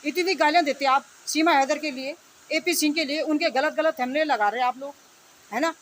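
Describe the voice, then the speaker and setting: An online video commentator with a high voice, speaking fairly quickly, launches into an unscripted, indignant rant against her opponents, scolding and confronting them through repeated phrases and rhetorical questions. The audio quality is poor, with steady noise in the background.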